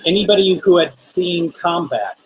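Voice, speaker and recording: Ghost hunter host, medium pitch, casual halting questions, live spirit session, raspy static noise. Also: animated. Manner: halting, addresses unseen listeners with questions. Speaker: paranormal investigator host. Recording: noisy, rasping static. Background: raspy radio static noise.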